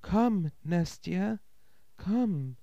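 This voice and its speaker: A loving mother near tears, her voice lifted high and soft as she presses urgent words on her child, put on by a male storyteller. She sounds warm and mellow up close, with a lively rise and fall, in a dry, close sound with no room around it. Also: takes it slowly, no room sound, muffled recording. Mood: calling softly. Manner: tender, pleading, tearful urgency. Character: anxious, loving mother parting from her son.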